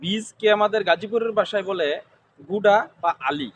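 A man's voice: high voice, normal speed, highs cut off, a little hiss or hum. A man from Gazipur with a Gazipur Bengali accent, giving short answers in an interview. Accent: Gazipur Bengali dialect. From Gazipur, Bangladesh.

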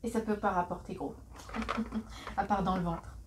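A woman's voice: medium pitch, steady tone, a little slow, noisy background. A woman in her forties chatting casually through a shopping haul vlog, giggling and making self-mocking asides. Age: 40s. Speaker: vlogger. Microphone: phone camera.

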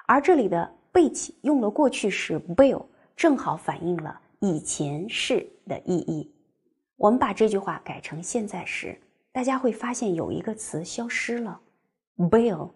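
A woman teaching a language class, explaining step by step and reading example sentences slowly and clearly. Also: mid-range voice. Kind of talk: recorded classroom lecture.

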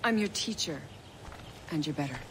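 A woman playing a stern female assassin teacher who gives orders in a dry, teasing way, heard as game audio under loud noise. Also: sits low, lively intonation, moderate pace.

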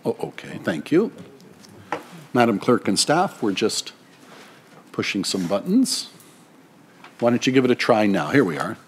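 A middle-aged man chairing a council meeting at a desk microphone, running through agenda items in a brisk, procedural way. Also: lowish voice, very animated. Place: council chamber.

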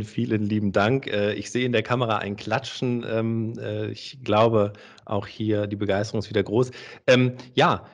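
A man moderating an online event, hesitant with many fillers and some light joking. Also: mid-range voice. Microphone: video call.

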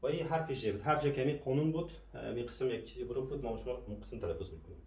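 A French teacher with a medium-pitched, slightly mellow voice explains a classroom language lesson, patiently posing questions and then answering them himself. The recording sounds echoey, with the mic placed at a distance.

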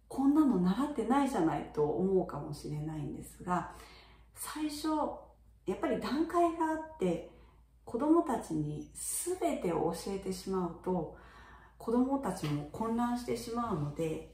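A middle-aged woman teaching in a casual video lesson, chatting with many fillers and sounding out words slowly to show them. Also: mid-range voice, mellow, roomy sound, distant mic. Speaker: English teacher for young children.

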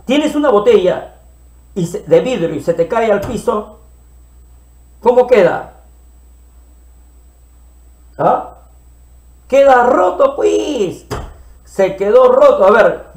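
A man teaching children to read, playfully sounding out syllables slowly and repeating them. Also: very high voice, animated, reverberant. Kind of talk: early reading lesson for children.

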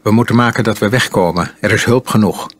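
A man voicing a stern middle-aged male resistance fighter, speaking in terse, gruff commands in an audiobook. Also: fairly low pitch, fast, a bit bright, no echo, clean studio sound.

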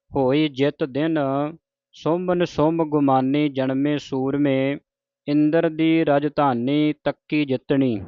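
A man teaching scripture pronunciation, reciting verses in a measured, deliberate way and adding short explanations. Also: a little high, smooth, no room sound, lo-fi sound. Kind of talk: slow scripture recitation lesson.

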